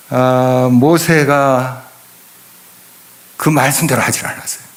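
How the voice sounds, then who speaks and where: A middle-aged pastor delivers an expository sermon in a church sanctuary, speaking emphatically with steady conviction in a lowish voice. He often turns to the congregation with rhetorical questions.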